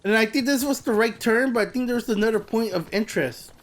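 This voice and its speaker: A man narrating his gameplay in chatty let's play commentary, bursting with excitement over weapons. Faint game ambience sits behind him. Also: sits high, a little fast, a little hiss or hum.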